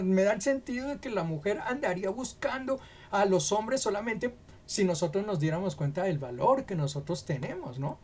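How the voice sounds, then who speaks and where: A man's voice: high-pitched, darkish tone. A man with a Colombian accent leads a Bible teaching for a church broadcast. He explains things methodically and works through examples one at a time. He keeps checking in with his listeners through short rhetorical questions.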